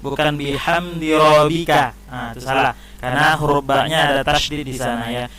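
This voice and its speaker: A man's voice: medium pitch, steady tone, fast, sharp tone, poor audio. A man teaching young children how to recite and write a short scripture passage, explaining patiently step by step. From Indonesia. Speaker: Islamic studies teacher. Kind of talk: classroom lesson for children.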